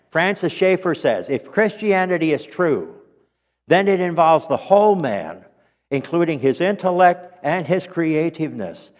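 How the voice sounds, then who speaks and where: A man teaching a Sunday school class, reading quotations aloud in an earnest, unhurried way and stopping now and then to clear his throat or correct himself. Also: on the high side, big pitch swings, long reverb tail. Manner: corrects himself mid-sentence. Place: church.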